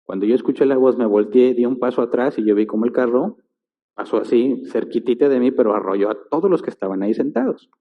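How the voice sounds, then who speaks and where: Pastor telling a vivid story. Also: male voice, mid-range voice, fast talker. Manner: vivid storyteller, acts out sounds and voices. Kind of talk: sermon storytelling. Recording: tinny sound in a reverberant church hall.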